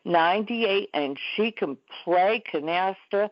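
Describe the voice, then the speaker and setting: A woman's voice: mid-range voice, animated, slow, dry recording, highs cut off. A woman in her seventies, a talk show guest telling stories in a chatty way. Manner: chatty, storytelling. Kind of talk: interview conversation. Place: Florida.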